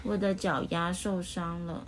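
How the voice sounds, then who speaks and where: A woman's voice: lowish voice, flat delivery, unhurried, a little hiss or hum, close to an everyday voice. A woman voicing a cheerful, friendly storybook man who is kind but easily wronged. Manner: friendly, pleading, then scolding.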